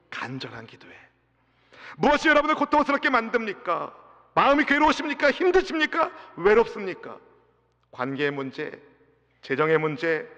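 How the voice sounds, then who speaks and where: A man, the senior pastor, preaching an impassioned sermon, swinging from loud cries to soft asides and leading his congregation in reading together. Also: fairly high pitch. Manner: leads the congregation in responsive reading. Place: church sanctuary. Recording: dull reverberant church sound system.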